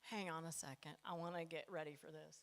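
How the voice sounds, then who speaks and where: A woman's voice: sits low, fairly even intonation, brisk. Woman comic, storytelling stand-up, long hall reverb. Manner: storytelling, acts out characters with big voice swings. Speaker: stand-up comedian. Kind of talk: stand-up comedy set. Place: church hall with a live audience.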